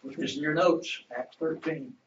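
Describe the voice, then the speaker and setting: A man's voice: fairly high pitch, fairly even intonation, moderate pace, background noise. A man teaching a Bible class, quoting scripture and asking the class questions. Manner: asks the class questions and waits for answers. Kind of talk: interactive Bible lesson. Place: church classroom. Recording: roomy, distant, dull church recording.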